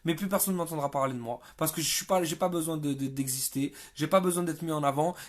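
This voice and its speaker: High-voiced male activist on a livestream, fed up, stumbling over repeated words. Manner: halting, repeats words, exasperated. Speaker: protest activist. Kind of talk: livestream monologue.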